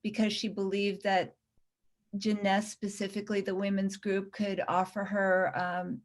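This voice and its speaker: Woman, documentary director, interview, earnest, halting, repeats words. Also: mid-range voice, completely flat delivery. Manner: earnest, many restarts. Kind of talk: remote interview answers.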